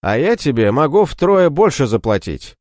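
A man's voice: mid-range voice, very animated, moderate pace, darkish tone, dry recording, studio quality, pitched above the performer's own voice, lightly acted. A man voicing a sly, mocking male captive healer who taunts his captors in an audiobook story. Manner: taunting, scornful.

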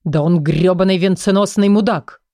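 A woman voicing a stern, protective, quick-tempered middle-aged father in an audiobook, with a gruff lowered voice. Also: fairly even intonation, mellow, dry recording, clean studio sound, natural voice. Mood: furious. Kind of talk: audiobook character voice.

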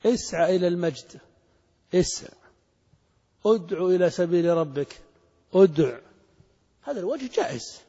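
A man's voice: high-pitched, lively intonation, quick pace, dark tone, breathy edge. A man teaching Arabic grammar to a class, asking students questions and repeating their answers. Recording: muffled recording in a reverberant hall.

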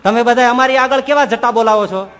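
A man with a high voice delivers a sermon, throwing out rhetorical questions and acting out small scenes. His voice rings out with a long hall reverb. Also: fairly quick, slight background noise. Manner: animated, rhetorical questions, acts out quoted voices. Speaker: swami giving a religious discourse. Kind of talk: sermon storytelling.

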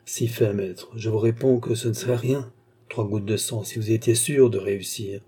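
Casting: male reader as a solemn young disciple, husky and very dark-toned. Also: on the low side, fairly even intonation. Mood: earnest. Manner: solemn, measured and earnest. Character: young male adept, grave, troubled. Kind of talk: audiobook character voice.

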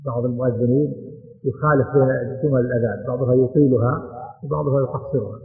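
A man reading a scholarly text aloud for his teacher at a very rapid clip. His steady recitation sounds thin and tinny, like an old phone-quality tape. It echoes through a big hall. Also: mid-range voice, vocal fry.

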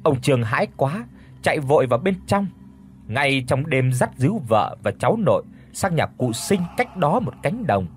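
Animated male horror-story narrator. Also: mid-range voice. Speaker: audiobook narrator.

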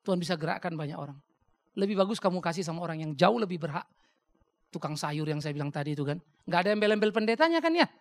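Animated, fast-talking high-voiced pastor man. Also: dry recording. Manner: blunt, animated storytelling with mimicked dialogue. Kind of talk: sermon Q&A, anecdotal. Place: church hall.

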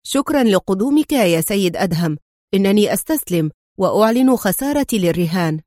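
A woman's voice: medium pitch, lively intonation, fairly quick, warm tone, dry recording, lightly acted. An eager, groveling male turncoat fawns over every word, as a woman reading a storybook puts him on. The sound is dry and close. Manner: eager and fawning.

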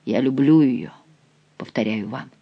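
A man's voice: medium pitch, unhurried, no echo, highs cut off. Man voicing a cold impassive nobleman. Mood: quietly threatening. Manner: calm, restrained, deferential on the surface, impassive. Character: cold, proud male nobleman, the prince's master of the hunt.

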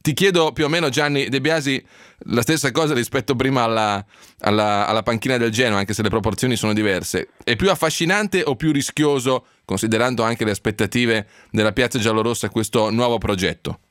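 A man's voice: mid-range voice, brisk, fairly bright tone, no room sound, clean studio sound. A man hosting a sports radio programme, presenting news and putting questions to a guest.

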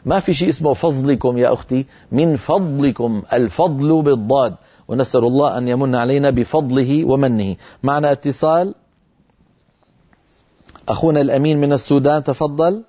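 A Syrian man teaching a televised Quran recitation lesson, answering questions and sounding out letters slowly, syllable by syllable. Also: mid-range voice, warm tone. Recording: muffled broadcast audio.

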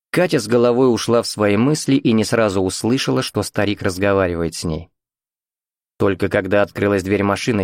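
A man narrating a horror audiobook in a measured, somber manner. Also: lowish voice, dry recording, studio quality.

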